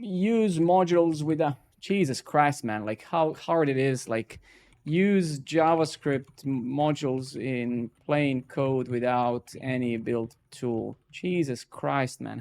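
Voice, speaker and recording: This man, originally from Serbia, has a mid-range, darkish voice. He hosts a casual live-coding stream, talking loosely, swearing when things frustrate him, and ending lines with "right?" and "man."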